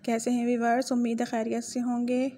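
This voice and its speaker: A woman hosts a home cooking channel, chatting casually through a recipe in her home kitchen and correcting her own measurements as she goes. Her voice is fairly high and warm, delivered in a brisk, monotone way.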